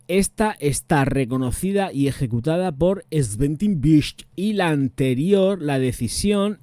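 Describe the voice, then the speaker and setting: A man's voice: on the high side, dark tone, no room sound. A man from reviewing perfumes in casual chat, thinking aloud and trailing off as he looks things up. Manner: chatty, thinks aloud, trails off searching notes.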